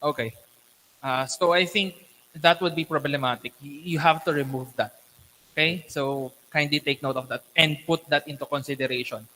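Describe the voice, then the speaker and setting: A man on a thesis panel, questioning critically in a deliberate, instructive academic manner. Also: on the high side, fairly even intonation, pushed and bright. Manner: deliberate, instructive, frequently checking with "okay". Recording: echoey hall with long reverb.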